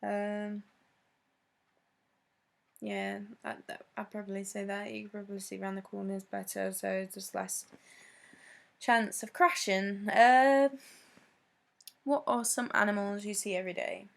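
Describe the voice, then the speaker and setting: Slow, gravelly woman vlogging. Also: medium pitch, little pitch movement. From Britain. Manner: hesitant, many ums, laughs between answers. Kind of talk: casual chat answering questions.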